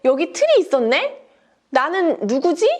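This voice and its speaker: A woman voicing a young giraffe from a picture book, in a bright, eager storybook voice. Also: sits high, very animated, a little slow, pitched above the performer's own voice. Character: young giraffe outgrowing its frame, hopeful.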